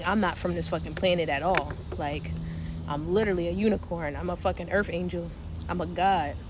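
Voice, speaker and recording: A young woman from Delaware with a slight New York twang, chatting casually and profanely on a livestream, laughing often. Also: lowish voice. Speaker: spiritual livestream host. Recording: steady background noise.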